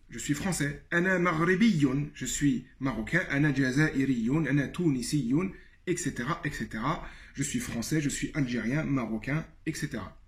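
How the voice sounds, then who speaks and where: A man giving a spoken language lesson, explaining calmly and repeating each phrase slowly with frequent pauses and hesitations. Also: on the high side. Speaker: Arabic teacher.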